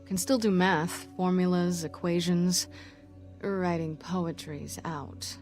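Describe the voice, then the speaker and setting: Christine, a terse wounded operative. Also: female voice, on the low side, steady tone, slow pace, darkish tone, faint music behind. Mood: grim. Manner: terse, clipped, matter-of-fact. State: sore throat. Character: hardened female operative, wounded voice, grim. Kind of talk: video game dialogue.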